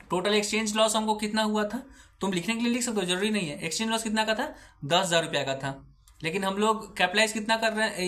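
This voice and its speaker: A man's voice: high voice, a bit bright. Man lecturing on accounting, question and answer. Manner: patient, repetitive teaching, poses questions and answers them; mixes English terms and phrases into his speech. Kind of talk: recorded lecture explaining an accounting standard.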